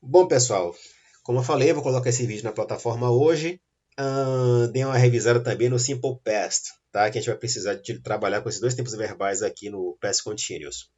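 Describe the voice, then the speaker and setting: A man's voice: mid-range voice, brisk, darkish tone, husky, highs cut off. A male teacher with a Brazilian Portuguese accent explains grammar rules step by step, often checking in with his students. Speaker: English teacher. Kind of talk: recorded grammar lesson.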